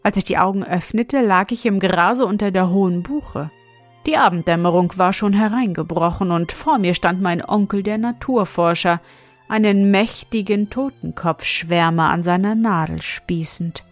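A woman reading a fairy tale aloud in a measured, expressive manner. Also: mid-range voice, faint music behind. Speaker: storyteller.

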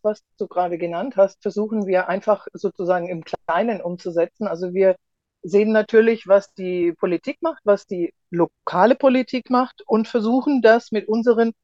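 A woman's voice: mid-range voice, a little mellow, no room sound. A woman explaining her work as an association spokeswoman in a podcast interview, on a slightly lo-fi track.

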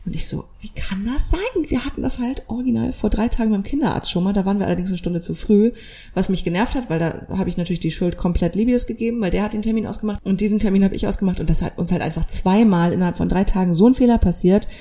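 A young woman with a mellow, warm voice talks casually as a podcast co-host. She tells her story with animated energy and acts out the lines of the people in it. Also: medium pitch, quick pace. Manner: animated storytelling, acting out quoted dialogue. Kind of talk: casual chat.

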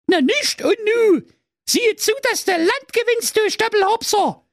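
A cranky, shrill evil fairy, as a man puts her on in a comedy storybook. She scolds and cackles in a falsetto pitched far above a normal voice, leaping wildly up and down in pitch. The sound is dry and close. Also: very animated, measured pace, fairly bright tone, dry recording, heavily acted. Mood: shrill scolding.

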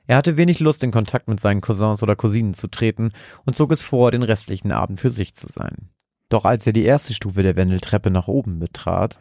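Man, horror story narration, low voice, gravelly, dry close sound, measured dramatic reading. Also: darkish tone, no room sound.

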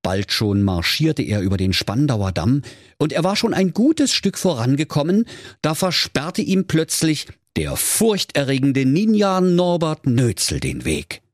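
A man's voice: fairly high pitch, sing-song, measured pace, dry recording, studio quality. A man narrating a comic fairy tale in a playful storytelling manner.

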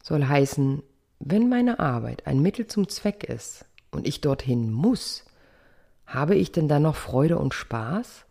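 A coach speaking in a calm, thoughtful podcast monologue, often posing rhetorical questions to listeners. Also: medium pitch, slow, creaky.

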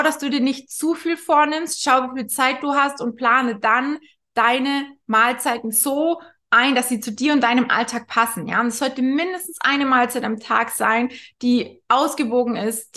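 A woman's voice: fairly high pitch, pushed and bright. A woman nutrition coach giving casual spoken advice, chatty, with frequent tag questions and restarts. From Germany.

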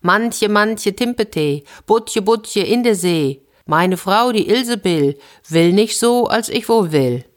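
A woman's voice: low-pitched, a little slow. A woman voicing a poor, meek fisherman in a fairy tale, worried and reluctant, chanting his rhyme in a sing-song. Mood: sing-song calling.

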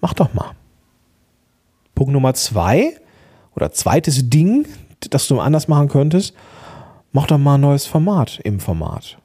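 Warm, husky-voiced man giving podcast tips. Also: medium pitch, wildly swooping pitch, unhurried, long pauses. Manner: chatty, encouraging, addresses listener directly with frequent "ja?". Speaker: podcast host and coach. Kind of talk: casual podcast advice monologue.

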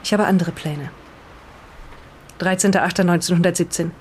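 In an improvised radio play, someone plays an earnest island resident on the defensive, speaking deliberately as though reading aloud. The medium-pitched voice is steady and natural, with slight background noise, and the mood is a solemn reading.

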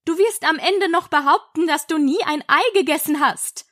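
A fretful mother pigeon, played by a woman reading a storybook, shrieks and scolds in a high, piercing voice. She sounds forever indignant and suspicious. The sound is close and dry. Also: moderate pace, a bit bright, no room sound. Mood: contemptuous. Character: shrill fretful female pigeon guarding eggs.

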